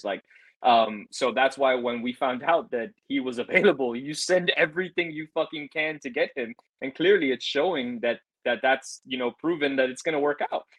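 An excitable man co-hosting a sports podcast, swearing freely. His voice is husky and breathy. The recording is dry and close, with no room sound. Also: medium pitch, dry recording, poor audio. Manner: excitable, swearing, laughs often. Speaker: podcast co-host. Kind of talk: casual sports chat.

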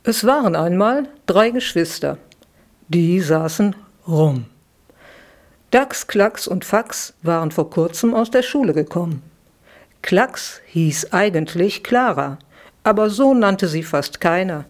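A woman, the author, reading her children's bedtime story aloud, giving the children lively little voices. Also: fairly low pitch, slow pace.

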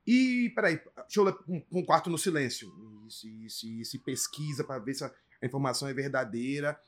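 A Brazilian man in his forties, a stand-up comedian in casual chat, animated and acting out quoted voices. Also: brisk. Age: 40s. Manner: animated, acts out quoted voices with big pitch jumps.

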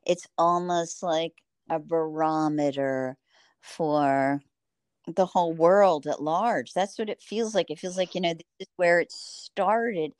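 A woman from Philadelphia talking reflectively in a relaxed conversation, acting out her own shouting when she tells stories. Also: fairly low pitch, takes it slowly, dry recording, studio quality. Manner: animated storyteller, acts out her own shouting.

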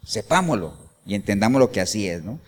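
A male pastor delivering an animated sermon, often putting rhetorical questions to the congregation. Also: lowish voice, fairly quick, big-room sound.

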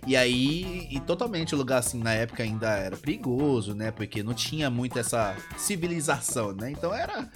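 A Brazilian man tells a long childhood anecdote on a podcast in an animated way, his pitch swinging widely as he acts out each person in it. Faint music plays underneath him. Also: a little fast, hardly any pauses. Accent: Brazilian Portuguese. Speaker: podcast co-host. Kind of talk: casual storytelling chat.

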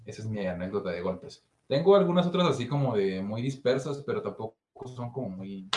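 A man's voice: lowish voice, animated, brisk. A young man with a Mexican accent, chatting casually and telling an anecdote, acting out the voices of the people in it. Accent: Mexican Spanish. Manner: storytelling, acts out voices in his anecdote. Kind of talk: casual chat. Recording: roomy echo, faint noise.

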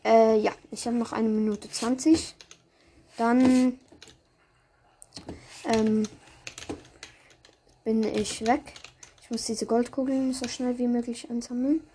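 A woman's voice: on the high side, level tone, slow, pauses often, warm tone. A woman giving casual live commentary on her own gameplay, reacting aloud in short bursts. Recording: clear background noise, keyboard clicks.

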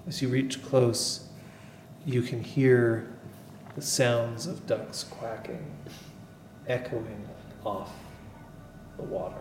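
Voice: mid-range voice, fairly even intonation, takes it slowly, pauses often, darkish tone, slight background noise. A game master narrating a tabletop role-playing game to the players. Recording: echoey hall, music behind.

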